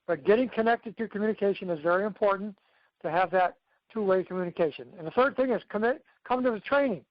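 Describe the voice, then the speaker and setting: Over dull, lo-fi conference call audio with no echo, a high-pitched man speaks fast as a success coach. He delivers an instructive motivational training talk to his team, frequently checking in with "okay."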